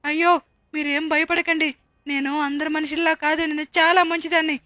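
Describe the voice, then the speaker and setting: A woman with a Telugu accent narrating and voicing a kind young woman in a game video, lively and emphatic. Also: high voice, fairly quick, no room sound, clean studio sound. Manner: lively, emphatic, talking to herself. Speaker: narrator and heroine of a game dub. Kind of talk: dubbed game-video role-play.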